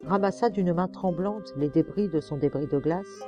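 A woman reading a short story aloud as an audiobook, measured and expressive. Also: on the low side, lo-fi sound, music in the background. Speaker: audiobook reader. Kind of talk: scripted narration.

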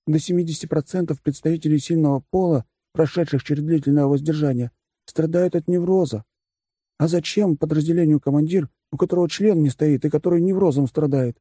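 A man's voice: fairly high pitch, a little fast, mellow, slightly rough, no room sound, studio quality, voice pushed up. A man voicing a pink furry male creature who lectures in a pedantic, clinical way. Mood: lecturing.

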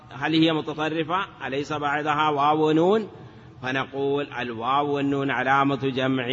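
A man teaches Arabic morphology in a classroom lesson, chanting word forms and posing rhetorical questions. His voice is fairly high, pushed and bright. The recording sounds dull and lo-fi, with a long reverb.

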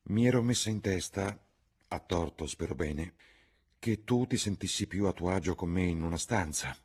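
A man voicing a fussy, reproachful young English gentleman in an audiobook, with a stiff, mannered delivery. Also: deep voice, animated, normal speed, slightly rough, voice pushed up.

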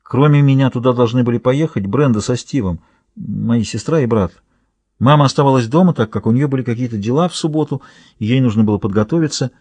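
A man voicing a shaken, timid teenage girl witness who answers softly and hesitantly. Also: medium pitch, fast talker, husky, no echo, close to an everyday voice. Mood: subdued.

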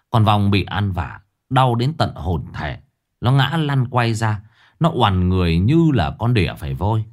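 A man narrating a spooky folk tale in an expressive, lively way. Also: on the low side. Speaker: storyteller.

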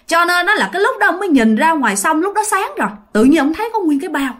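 A woman's voice: very high-pitched, sing-song, fast talker, fairly bright tone. A woman telling a ghost story in a chatty way, often speaking straight to her listeners. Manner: chatty, addresses listeners as "các bạn". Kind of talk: casual ghost-story narration.

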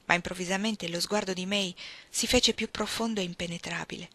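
A woman narrating a novel in a steady, clear audiobook reading. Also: on the low side, a little fast. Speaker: reader.

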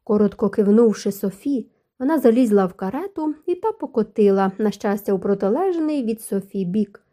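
A woman narrating an audiobook in an even storytelling manner. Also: medium pitch, normal speed. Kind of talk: scripted narration.

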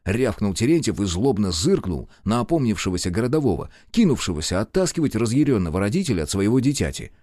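Male narrator, low voice, expressive, dry close recording. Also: fast talker, few pauses, dry recording. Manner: expressive storytelling, performs all characters. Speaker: audiobook narrator. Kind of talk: scripted narration.

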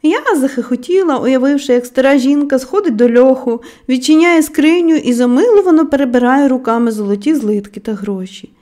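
A woman narrating an audiobook in a measured storytelling manner, letting her voice drop softly at the ends of phrases. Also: high-pitched.

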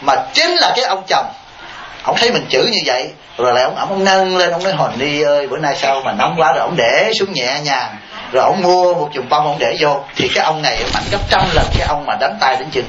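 A man's voice: a little high, expressive, brisk, crowd noise. A man, a Buddhist monk giving a dharma talk and answering questions, telling stories with chuckling asides and rhetorical checks on his listeners. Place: temple hall with listeners. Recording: echoey, dull lo-fi hall recording with faint hiss.

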